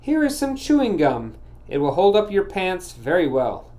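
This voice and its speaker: Man putting on sweet little kids offering help, voice pitched up high. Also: huge pitch swings, normal speed, dark tone. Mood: kind. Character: kind group of young children.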